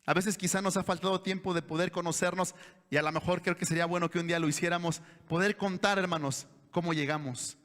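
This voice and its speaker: A man's voice: sits high, fairly even intonation, quick pace, fairly bright tone, in a large hall. A man preaching a sermon as pastor, earnest and pleading, often putting rhetorical questions to the congregation. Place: church sanctuary.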